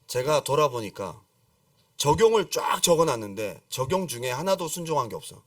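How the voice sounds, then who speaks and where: A middle-aged man preaching a lively sermon as a pastor, acting out pleading prayers and calling on the congregation to repeat after him. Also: medium pitch, moderate pace, dry recording, studio quality, distant mic. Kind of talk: lively Friday-service sermon. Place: church sanctuary.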